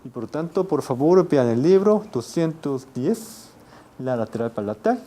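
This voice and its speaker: A man's voice: fairly high pitch, animated, unhurried, mellow. A man lecturing a university class, demonstrating pronunciations and repeating words for students. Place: lecture room.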